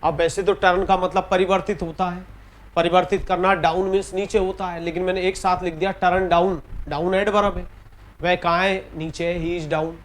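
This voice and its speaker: A man with an Indian English accent teaching an exam-prep grammar lesson in Hindi. He reads the English example sentences slowly and deliberately and often repeats key words. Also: high-pitched, little pitch movement. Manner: repeats key words and ends points with "theek hai".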